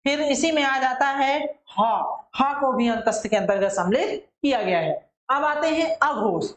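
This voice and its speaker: A woman teacher giving a methodical lesson. She asks questions and answers them herself, and she draws syllables out slowly to demonstrate them. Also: high-pitched, animated, reverberant, low-quality recording. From India. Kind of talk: classroom-style lesson.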